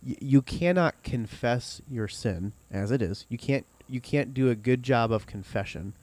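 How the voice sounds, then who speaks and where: A man from Ohio co-hosts a casual faith podcast, backing up his partner and stressing his points like a preacher. His mid-pitched voice is recorded close and dry. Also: normal speed, a little mellow, no echo. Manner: affirming, preacherly emphasis. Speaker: podcast co-host. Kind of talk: casual ministry discussion.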